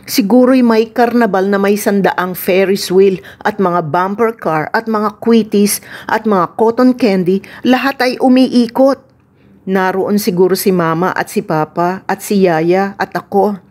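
Woman gently reading a children's storybook. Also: mid-range voice, unhurried. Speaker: storybook reader. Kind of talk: children's storybook read-aloud.

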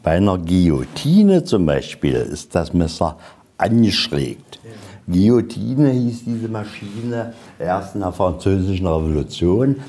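Low and mellow, this man's voice moves through big pitch swings at an unhurried pace. He is a museum guide on location, walking visitors around and describing each exhibit in simple, everyday words, one step at a time.

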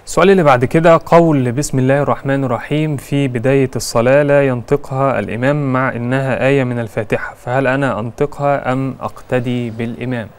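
A man's voice: mid-range voice, fairly even intonation, fast, few pauses, smooth. A man with an Egyptian accent hosting a TV talk show, reading viewers' questions and adding short attentive replies. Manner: attentive, with constant short backchannels. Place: TV studio.

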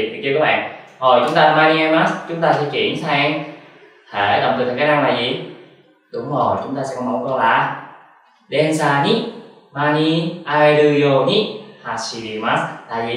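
A man teaching a language lesson, asking questions and answering them himself, and repeating example sentences slowly for drilling. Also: medium pitch, a bit bright. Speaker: Japanese teacher. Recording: very echoey room, far from mic.

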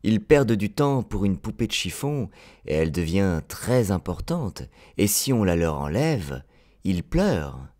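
A man's voice: low-pitched, very animated, measured pace, warm tone. A man doing an earnest little boy prince. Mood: curious. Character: gentle small boy prince, earnest and wondering.

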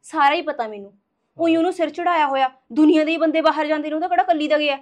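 A woman's voice: high-pitched, fast talker, lightly acted. An actress playing a jealous, nagging young wife who scolds her husband, in a short drama. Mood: scolding. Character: sharp-tongued young wife, jealous of family.

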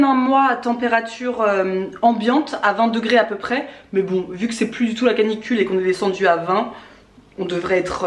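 A woman in her thirties chatting casually as she cooks at home and explaining each step of a recipe. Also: a little high. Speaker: cooking vlogger. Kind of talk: casual cooking vlog. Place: home kitchen, indoors. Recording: echoey kitchen, music behind.

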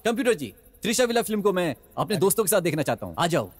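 A man playing a fast-talking, teasing friend in a comedy film dub. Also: high-pitched, big pitch swings, in a large hall. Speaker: joking friend. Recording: film dub over music.

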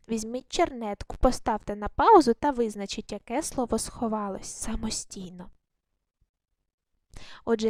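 A woman's voice: fairly high pitch, a little mellow, dry recording. A woman primary school teacher giving a recorded class lesson, patiently asking questions and then answering them herself, with some hesitant fillers and self-corrections.

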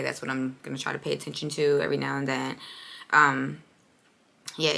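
A hoarse young woman vlogs to her camera in a casual, slangy, playful and sassy way. Her low, gravelly voice has a bright, sharp edge, and she keeps clearing her raspy throat.

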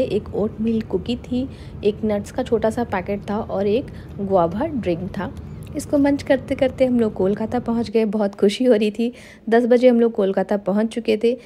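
A woman's voice: a little high, warm tone. A young woman narrating her travel vlog in a chatty voice-over, often slipping English phrases into her talk. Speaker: travel vlogger.

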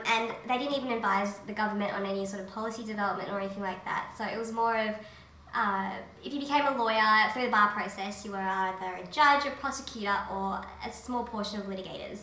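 A woman's voice: on the high side, sharp tone, recorded from a distance, a little hiss or hum. A young woman explaining a study topic in a casual vlog while baking, talking in short phrases as she works. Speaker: vlogger presenting a study topic. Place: home kitchen. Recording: echoey room, voice from off-mic.

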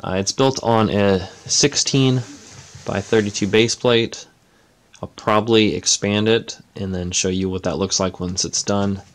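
Steady in tone and measured in pace, a man with a lowish voice gives a casual show-and-tell of his toy-brick model. He's an adult parent speaking off camera from a table indoors, listing items and using many fillers.

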